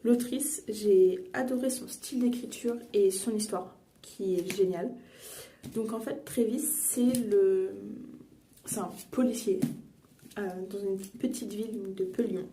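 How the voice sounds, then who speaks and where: Warm-toned and a little slow, this beauty and books vlogger speaks at a medium pitch as she does her makeup, wandering off-topic with plenty of fillers and corrections of herself. The room echoes, the mic sits slightly distant, and faint noise is audible.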